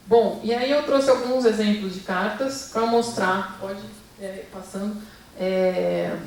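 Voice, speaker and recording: Speaking at medium pitch, a Brazilian Portuguese-accented woman lectures on her research at a seminar, full of fillers and false starts while calling for the next slide. She's recorded far from the mic in an echoey hall with slight background noise.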